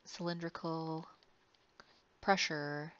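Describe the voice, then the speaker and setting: A woman's voice: low-pitched, little pitch movement, slow pace, fairly bright tone. A woman engineering instructor giving a recorded lecture, rambling and correcting herself with wry asides. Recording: dull, slightly muffled, dry sound.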